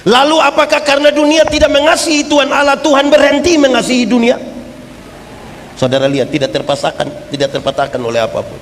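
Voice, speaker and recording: High-voiced joking preacher in a hall. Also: male voice, fast. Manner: lively preaching, jokes, asks the congregation questions. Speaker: pastor. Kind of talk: humorous sermon. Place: church hall. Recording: reverberant church hall, faint background noise.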